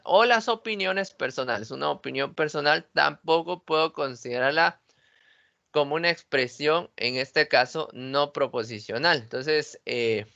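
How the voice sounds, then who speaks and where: Brief: male teacher with a bright, fairly high voice, asking his class questions over a video call. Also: vocal fry, dull audio. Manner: asks students questions, then answers them. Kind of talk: online logic class lecture.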